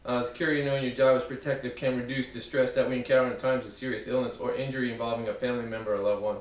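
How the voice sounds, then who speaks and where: A man with a Brooklyn accent gives an informal amateur student presentation, halting and self-deprecating, often repeating his words. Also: mid-range voice, level tone. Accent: Brooklyn, New York. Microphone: camcorder at a distance. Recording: echoey room, distant muffled camcorder microphone.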